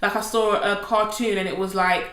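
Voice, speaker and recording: A woman with a bright, forceful voice, speaking emphatically in a group chat. Her pitch is mid-range. There is noticeable room echo around her. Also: steady tone, moderate pace. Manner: emphatic, backs others up. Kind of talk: casual discussion. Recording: roomy echo.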